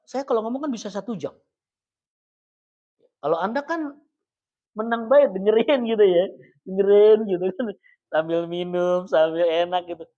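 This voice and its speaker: A man teaching a mosque study circle in a chatty, joking sermon style, swinging between loud and soft. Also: highs cut off. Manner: jokey, chatty, often laughs; wide swings in pitch and loudness. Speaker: religious teacher. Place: small prayer hall.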